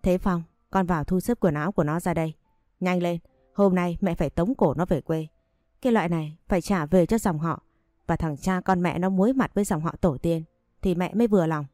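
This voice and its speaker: A woman reading aloud as a spiteful mother-in-law in a storybook reading, tearing into her son's wife with insult after insult, her voice low and mellow with no room sound around it. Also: brisk, no room sound, studio quality, close to an everyday voice. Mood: scornful, scolding. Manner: shrill insulting scolding. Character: harsh scornful older mother-in-law, domineering woman.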